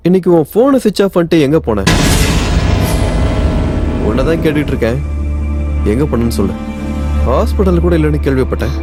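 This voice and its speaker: A man's voice: on the high side, lively intonation, brisk, pauses often, warm tone, faint music behind, lightly acted. An actor dubbing a playful young man teasing and questioning his fiancée. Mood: probing. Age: young adult. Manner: teasing, affectionate. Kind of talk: Tamil film dubbing.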